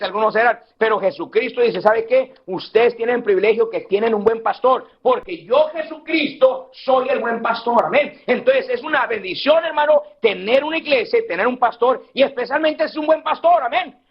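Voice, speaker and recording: A man's voice: very high-pitched, slightly rough. A man pastor preaching a sermon, calling his listeners "brother" over and over and asking them questions he answers himself. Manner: addresses listeners as "hermano" again and again; acts out quoted church members in a whining voice. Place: church. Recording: dull lo-fi recording.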